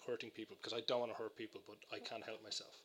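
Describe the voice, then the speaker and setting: Fast-talking male podcast host. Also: lowish voice, level tone, a bit bright. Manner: chatty, repeats words when starting. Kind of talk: casual chat.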